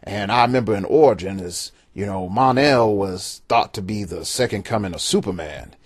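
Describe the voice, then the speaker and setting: A man's voice: lowish voice, moderate pace, breathy edge, dry recording, clean studio sound. A man putting on the voice of a grumpy old man reminiscing about the old days, rambling and nostalgic.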